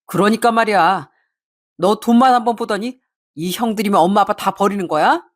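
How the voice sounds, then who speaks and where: A woman's voice: medium pitch, a little fast, lightly acted. A woman voicing a bullying older brother-in-law who scolds and talks down. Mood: scolding.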